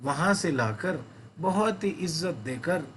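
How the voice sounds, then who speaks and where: A man's voice: on the high side, lively intonation, slow pace, a bit bright, slight background noise. A male exam coaching teacher telling a moral story in a folksy, repetitive lecture style, with English asides mixed in.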